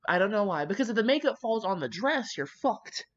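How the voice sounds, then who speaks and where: Here a woman of medium pitch reads fan fiction aloud, very animated and quick, tossing in her own loud, profane, meandering asides. The home setup gives the audio a somewhat dull, lo-fi quality.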